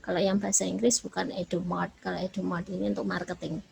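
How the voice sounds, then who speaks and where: A woman's voice: lowish voice, level tone, quick pace, creaky, a little mellow, slight background noise, poor audio. A woman English teacher with an Indonesian accent, lecturing in a chatty way and ending many phrases with small tag words. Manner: chatty, repeats "ya" and "gitu kan" as tags.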